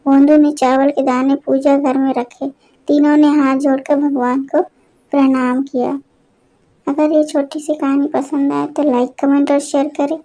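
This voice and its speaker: A woman narrating a scripted moral storybook tale in a steady reading voice. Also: high voice, measured pace, rough recording.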